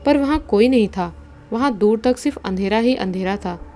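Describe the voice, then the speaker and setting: A woman narrating a horror story in a steady, suspenseful storytelling manner. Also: a little high, moderate pace, a little hiss or hum.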